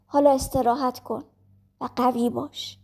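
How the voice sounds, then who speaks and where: A woman voicing a kind male country doctor who asks soft, gentle questions in a storybook reading. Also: high voice, level tone, gravelly, husky, heavily acted.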